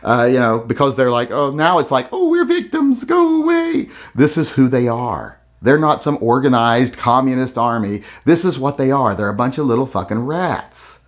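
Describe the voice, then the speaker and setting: A man's voice: medium pitch, moderate pace, few pauses. A man commenting on a video in a blunt, profane and mocking way. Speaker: gun channel host.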